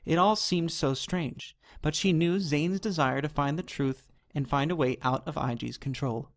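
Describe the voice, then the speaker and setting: A man narrates an animated storybook chapter with a steady, even reading. His voice sits fairly high. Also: moderate pace.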